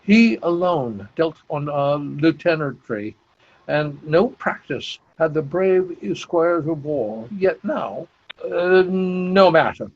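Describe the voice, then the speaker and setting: Reading Shakespeare aloud as an amateur over a video call, a man takes on a despairing, shamed older general, grey-flecked and self-reproaching. His delivery is slow, higher-pitched, expressive and heavily acted, halting and stumbling with exclamations, bitter and ashamed. Faint music sits under the dull lo-fi recording.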